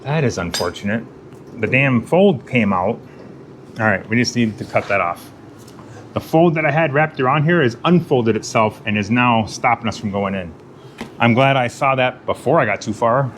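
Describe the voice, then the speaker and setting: Here the garage channel host's voice is medium-pitched, expressive and a bit bright at a normal speed, with slight background noise. He works while talking casually to himself and viewers, dropping self-deprecating jokes, muttered asides and the odd whisper.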